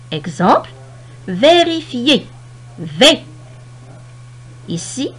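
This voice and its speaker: A woman teacher explaining French spelling rules step by step, slowly stressing each example word. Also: a little high, fairly bright tone. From Morocco. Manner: slow, deliberate explanation, stressing and stretching example words.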